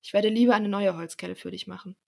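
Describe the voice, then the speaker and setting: A friendly, modest carpenter , as a woman reading aloud puts him on, plain-spoken and obliging in a storybook. The voice is gravelly and husky. It stays calm and steady. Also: mid-range voice, quick pace. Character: friendly tall carpenter man, helpful and modest.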